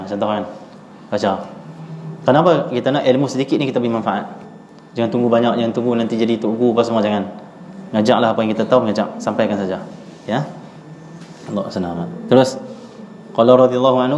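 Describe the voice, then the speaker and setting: A man's voice: medium pitch, a little hiss or hum. A man giving a lecture in a mosque, telling stories and acting out the voices of the people in them. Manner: animated storytelling, acts out quoted voices. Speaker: religious teacher. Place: mosque hall. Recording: echoey, muffled mosque recording.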